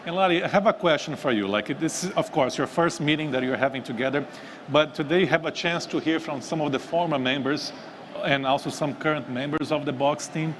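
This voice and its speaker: A man with a slightly high voice speaks fairly quickly as he moderates a live panel, introducing and questioning guests in a casual, conversational way. He is a team member serving as panel moderator on a live stream stage at a busy event, with noisy event-floor ambience in the recording.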